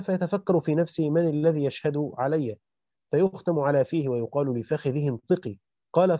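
A man reads through a classical Quran commentary at speed, steady and matter-of-fact, fixing small slips as he goes. His voice is dark and mellow. The recording is dry and a bit dull, like a lo-fi home setup. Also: medium pitch, no room sound. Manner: fast and even, with quick self-corrections. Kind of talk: rapid scholarly reading aloud.

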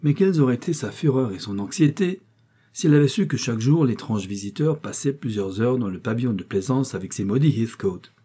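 A man reading a classic novel aloud as an audiobook narrator, measured and expressive. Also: medium pitch, breathy edge. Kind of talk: scripted narration.

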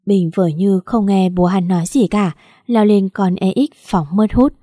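A woman's voice: medium pitch, unhurried, no echo. A woman narrating a first-person story evenly as an audiobook reader, close to the mic. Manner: even, storytelling.

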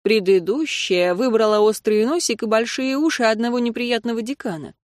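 A woman's voice: on the high side, normal speed, dry recording, clean studio sound. A woman narrating a first-person novel as an audiobook, telling it expressively. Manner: expressive storytelling.

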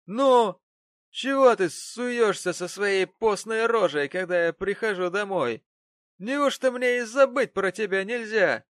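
A man doing a spiteful, drunken young husband in a storybook reading, with a high, strained voice that drags out its sneers. He speaks slowly and with contempt, close and dry. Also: a bit bright, dry recording. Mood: contemptuous. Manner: snarling, contemptuous. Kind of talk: audiobook character voice.

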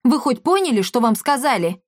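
A woman's voice: a little high, very animated, a little fast, dry recording, voice pushed up. Woman reading as a grumpy mocking male cat in a storybook; slightly raised voice, dry recording. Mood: grumbling. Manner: grumbling, mocking.

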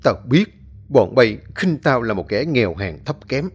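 A man's voice: mid-range voice, very animated, quick pace, a little mellow, breathy edge. A man voicing a bitter, hot-tempered young male sect disciple who speaks in a harsh, accusing, raised voice. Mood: resentful.

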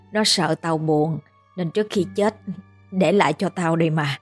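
A woman's voice: low-pitched, unhurried, soft background music. Woman doing a blunt old village granny. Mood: tender. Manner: scolding, plain-spoken.

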